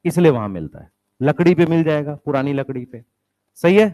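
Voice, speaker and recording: A man's voice: fairly high pitch, animated, fairly quick, mellow, no room sound. A male biology teacher lecturing a class, mixing English science terms into Hindi, asking questions and answering them himself, and calling for the students' attention.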